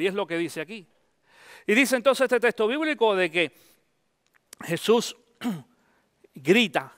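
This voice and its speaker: Man, middle-aged pastor, high voice, conversational sermon, dry close sound. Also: fairly bright tone, no room sound. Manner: conversational preaching, mixes English phrases into Spanish.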